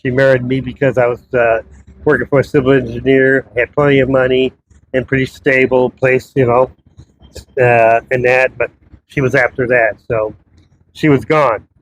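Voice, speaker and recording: A man's voice: mid-range voice, flat delivery, moderate pace, slight background noise, poor audio. Man, 50s, solo vlogger; loose, conversational, meandering delivery at home. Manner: rambling, conversational storytelling. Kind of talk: casual personal monologue. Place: his townhouse abroad.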